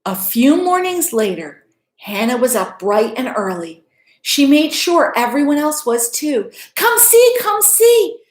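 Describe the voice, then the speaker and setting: A middle-aged woman with a fairly high voice reads a children's storybook a little slowly, in the expressive, teacherly manner of a school principal, asking her listeners questions along the way. It's recorded indoors in a small room at home, and the sound is roomy.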